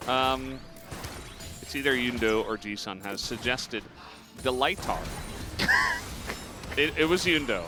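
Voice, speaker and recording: A young man giving live esports color commentary, animated and quick to laugh at the banter. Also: medium pitch. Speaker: esports caster.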